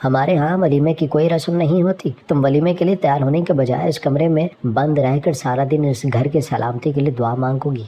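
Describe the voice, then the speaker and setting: A woman's voice: deep voice, fairly even intonation, hardly any pauses, warm tone, slight background noise, natural voice. A woman reading the lines of a stern, controlling mother-in-law in a spoken story.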